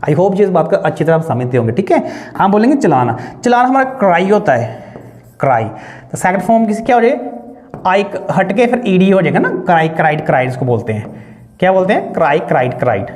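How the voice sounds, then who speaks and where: In an online spoken-English lesson, a man teaches English verbs in Hindi mixed with English words, drilling verb forms through repeated call-and-response questions. His high voice swings widely in pitch, a little fast and a little mellow, with slight background noise.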